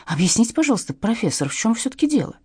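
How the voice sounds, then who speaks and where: A woman voicing an anxious, easily frightened woman writer, pleading, with a husky voice. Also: on the high side, very animated, very fast, darkish tone, dry recording, studio quality, voice pushed up, exaggerated voice. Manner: pleading, nervous.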